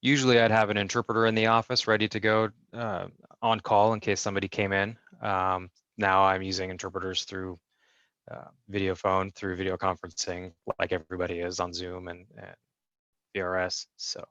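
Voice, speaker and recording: Over a video call, a male sign language interpreter speaks a deaf guest's answers in the first person, measured but full of fillers and restarts. His deep voice is delivered flatly with a slightly bright edge, and the recording is dry and muffled.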